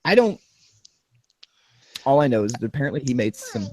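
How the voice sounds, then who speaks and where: A man co-hosting a casual podcast, talking in a sarcastic, rambling way that swings from flat to animated. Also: mid-range voice, normal speed. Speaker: podcast co-host.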